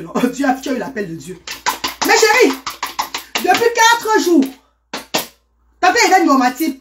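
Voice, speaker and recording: Woman, high lively voice, excitable live streamer on a phone, faint hiss behind. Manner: animated, exclamatory, greets viewers by name. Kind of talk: casual live stream talk.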